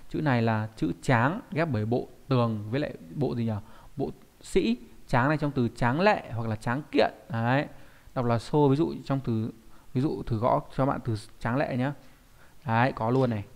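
A man teaching an online kanji lesson. He talks in a chatty way, keeps asking rhetorical questions, and says Japanese words slowly and carefully. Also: mid-range voice, darkish tone.

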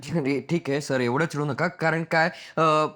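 A man playing a podcast host in a comic sketch, calmly interviewing and soothing his guest. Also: fairly high pitch, a little slow. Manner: mock-soothing, playful interviewer.

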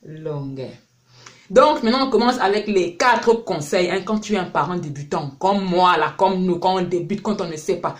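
A man's voice: high voice, lively intonation, normal speed. A man from France, a parent and channel host, giving a casual spoken lesson, chatty with lots of fillers and repeated words.

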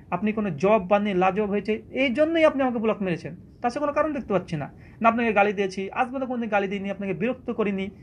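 A man's voice: high voice, a little hiss or hum. A man giving a polemical religious lecture as a debater, arguing with rhetorical questions and quoting scripture.

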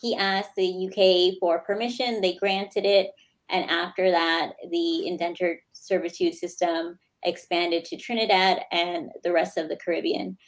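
A woman in her thirties with an American accent, speaking as a guest over a video call in a plain, steady way. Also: on the low side, unhurried, rough recording. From United States. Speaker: guest, lawyer. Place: small indoor room. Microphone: video call webcam.

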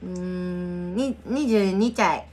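A woman's voice: fairly low pitch, slow pace, darkish tone. A young woman, chatting casually as a video host in a small room. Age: young adult. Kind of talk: casual chat.

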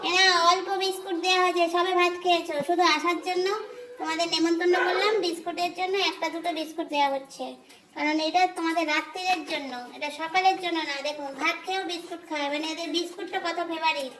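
A woman's voice: very high-pitched, steady tone, fast talker, background noise. A woman vlogging at home with her cats, chatting to viewers and coaxing her pets in baby talk. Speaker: cat owner and vlogger. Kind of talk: casual pet vlog, talking to viewers and cats.

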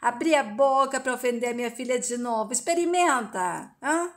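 A woman's voice: fairly high pitch, moderate pace, close to an everyday voice. A woman voicing an indignant middle-aged mother who confronts a rival to protect her daughter. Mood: angry. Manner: indignant, commanding.

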